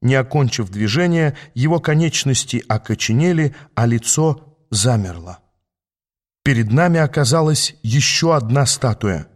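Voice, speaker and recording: A man narrating a fantasy audiobook in the first person with steady, even storytelling. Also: medium pitch, moderate pace.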